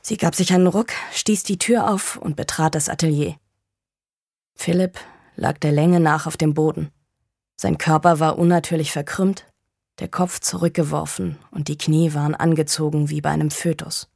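Low-voiced woman narrating a dark tale. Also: fairly even intonation, moderate pace, creaky, no room sound. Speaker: audiobook narrator. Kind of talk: scripted narration of a crime novel. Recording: dry close studio sound.

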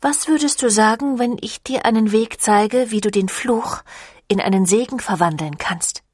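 A woman voicing a seductive, ancient female vampire clan leader in an audiobook, with a silky, teasing manner that drops into breathy whispers. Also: fairly high pitch, moderate pace, darkish tone, dry recording, clean studio sound. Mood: coaxing. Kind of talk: audiobook reading.

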